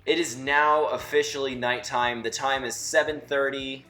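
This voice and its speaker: A man's voice: medium pitch, steady tone, normal speed, sharp tone, soft background music. A young man narrating a casual driving vlog from inside his car, chatty and wry, his voice a bit muffled from a camera mic set away from him. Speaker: vlogger. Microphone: camera mic from a distance, muffled.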